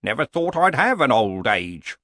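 A man's voice: medium pitch, big pitch swings, measured pace, fairly bright tone, dry recording, studio quality, voice pushed up. A man voicing an elderly barbarian hero in a storybook, grumpy, stubborn and world-weary, with a blunt, grumbling manner. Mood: resigned.

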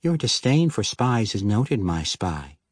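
A man's voice: on the low side, big pitch swings, unhurried, slightly rough, no room sound, studio quality, exaggerated voice. Man putting on a teasing halfling noblewoman. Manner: teasing, lightly raised voice.

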